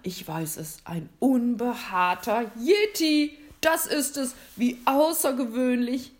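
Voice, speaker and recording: Loud jolly Santa Claus, booming and excitable, a woman doing a storybook voice. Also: slow. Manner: loud, playful, theatrical.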